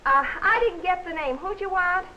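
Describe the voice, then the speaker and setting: A woman's voice: extremely high pitch, measured pace, bright, forceful tone, exaggerated voice. A woman playing a curt, impatient person answering the phone in a 1940s instructional film. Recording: dull old film soundtrack with clear hiss.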